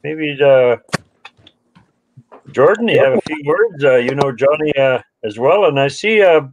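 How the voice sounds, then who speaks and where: A man hosting a live online show, speaking in a friendly, halting way full of fillers. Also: on the high side, lively intonation, muffled recording. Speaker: host.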